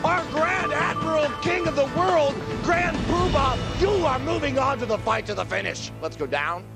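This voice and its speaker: A very high-pitched male announcer delivers dramatic reality-show hype over loud music. He is bombastic and theatrical, building up the contest with excited commentary. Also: moderate pace, creaky. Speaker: competition announcer.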